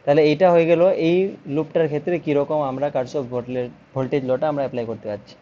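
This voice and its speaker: A man with a Bengali accent teaches physics, going slowly and patiently through each step. His voice sits a bit high but sounds mellow. The recording is dull and lo-fi with a faint hiss behind it. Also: fairly even intonation. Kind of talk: online physics lesson.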